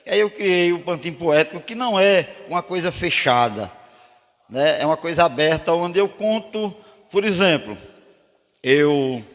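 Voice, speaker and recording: An older man from northeastern Brazil with a northeastern Brazilian accent, telling stories on stage and slowing down to declaim his rhymed verses. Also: fairly high pitch, long reverb tail. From Rio Grande do Norte, Brazil. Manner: animated storyteller, switches into slow declaiming for recited verses. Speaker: poet and performer. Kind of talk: stand-up storytelling with recited verse. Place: cultural center stage.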